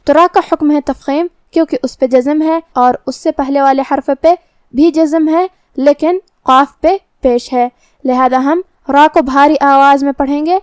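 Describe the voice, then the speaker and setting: A woman teaching Quran recitation, explaining each letter's pronunciation slowly and precisely. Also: sits high, steady tone, a little mellow, no echo. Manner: slow, careful, precise articulation. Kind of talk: tajweed lesson, explaining letter by letter.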